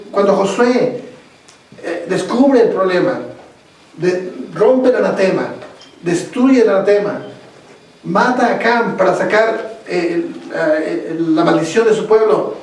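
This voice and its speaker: A male pastor teaching a Bible study, halting and repeating words, asking his listeners questions as he goes. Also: high voice, a little mellow. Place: church. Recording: echoey church hall, distant mic.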